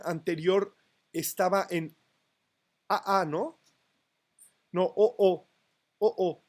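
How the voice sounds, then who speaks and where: Slow, high-voiced lecturer. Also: male voice, darkish tone. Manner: methodical, counts syllables aloud, asks the class questions. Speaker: literature teacher. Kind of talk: university lecture.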